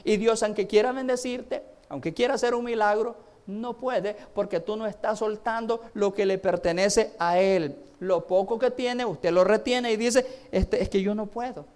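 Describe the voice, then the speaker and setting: High-voiced Honduran pastor preaching. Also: male voice, normal speed, hardly any pauses, darkish tone, smooth. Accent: Honduran Spanish. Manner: preaching, calls the congregation to repeat phrases. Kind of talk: sermon. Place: church service.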